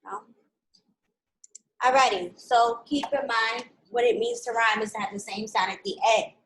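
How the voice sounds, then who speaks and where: A woman teaching a live online kindergarten lesson, patient and clear, speaking slowly to young children over a video call. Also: on the high side, a bit bright, poor audio.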